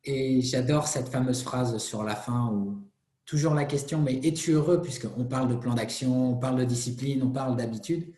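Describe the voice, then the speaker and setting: A man's voice: mid-range voice, fairly even intonation, moderate pace, darkish tone, roomy sound. A man giving a motivational talk in an earnest way, often repeating phrases and restarting words. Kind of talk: motivational presentation.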